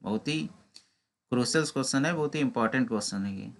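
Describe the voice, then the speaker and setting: A medium-pitched man with an Indian accent leads an exam prep lesson, slowly reading English questions aloud and explaining them in Hindi.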